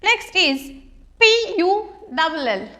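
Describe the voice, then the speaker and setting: A woman with an Indian accent leads a phonics lesson and spells out each word letter by letter. Her voice sits high, and her pitch rises and falls a great deal. She speaks very slowly and carefully. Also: sing-song, sharp tone. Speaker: English teacher.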